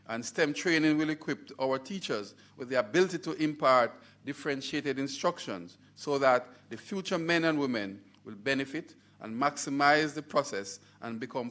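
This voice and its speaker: A man with a Jamaican accent, a college head giving a formal, emphatic ceremonial speech with stressed words and pauses. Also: medium pitch, fairly bright tone. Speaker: university college head speaking at a scholarship launch.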